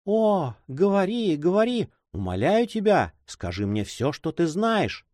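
A man's voice: high voice, sing-song, measured pace, darkish tone, no echo, clean studio sound, voice pushed up. A man reading aloud, voicing a grieving noble lady who speaks in sighs and tears. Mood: pleading. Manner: sighing, tearful delivery.

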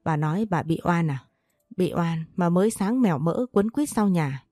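A woman's voice: lowish voice, lively intonation, moderate pace, dark tone, no room sound, studio quality, faint music behind. A woman reading a story aloud, voicing an enraged, stern older master of the house who barks harsh, commanding questions. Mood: furious.

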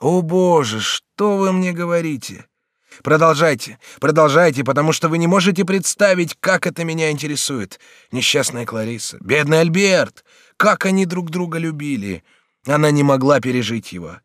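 This audiobook narrator pitches his voice fairly high, above his own, to play a kindly middle-aged prince regent who is easily moved. Expressive and at a moderate pace, he exclaims and questions with warm agitation, and the studio-quality audio has no echo.

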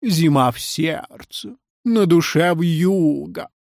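A storyteller voicing a male cat who runs a fairy-tale school, melancholy and theatrical in a measured, dry delivery. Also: mid-range voice, sing-song, vocal fry, dry recording, pitched above the performer's own voice, full character voice. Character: pompous male cat deputy head in pince-nez.

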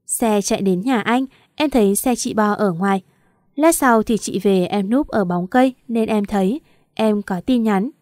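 A woman's voice: medium pitch, moderate pace, a little mellow, dry recording, studio quality. A woman narrating a first-person romance story aloud, acting out the quarrels and tears in the dialogue. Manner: emotional, voices the quarrels and crying. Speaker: audiobook narrator.

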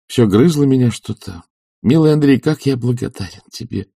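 Fields: man doing an excitable soft-hearted gentleman. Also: mid-range voice, moderate pace, creaky, dry recording, studio quality, voice pushed up. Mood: excited. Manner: eager, breathless exclamations. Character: idle gentle nobleman, excitable, emotional.

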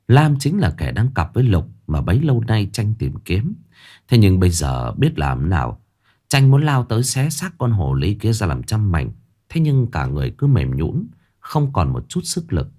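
A man narrating a dramatic ghost story in an expressive way. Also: lowish voice.

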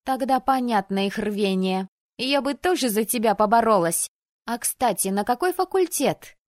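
A woman voicing a lively, blunt young woman with glasses who teases her friends, in a bright, raised, emphatic voice. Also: fairly high pitch, normal speed, dry recording, clean studio sound, close to an everyday voice. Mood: lively teasing.

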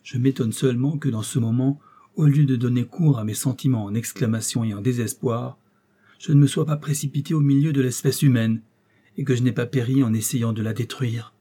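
A man reading an audiobook aloud in steady, even scripted narration. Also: mid-range voice, brisk, husky. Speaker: audiobook reader.

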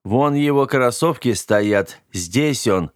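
A man's voice: mid-range voice, lively intonation, no room sound, clean studio sound, voice pushed up. A man doing a gurgling mud villain. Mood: menacing whiny. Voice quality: gurgling, drawn-out.

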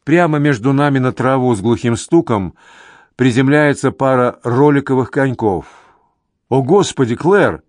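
A man narrating a novel in a measured, even reading. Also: medium pitch, no echo, clean studio sound. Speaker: audiobook narrator. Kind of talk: scripted narration.

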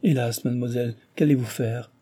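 A man voicing a sorrowful, anxious gentleman who speaks mournfully. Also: mid-range voice, steady tone, fairly quick, natural voice. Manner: mournful, worried.

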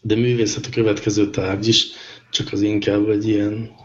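A man co-hosting a podcast in casual tech banter, speaking in a measured, deliberate way with hesitant fillers. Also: on the low side, completely flat delivery. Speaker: podcast co-host. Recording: dull lo-fi recording with faint noise.

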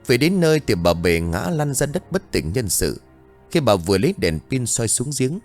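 A man's voice: mid-range voice, normal speed. A man narrating a ghost story in a dramatic, theatrical way. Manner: expressive, theatrical. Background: faint music.

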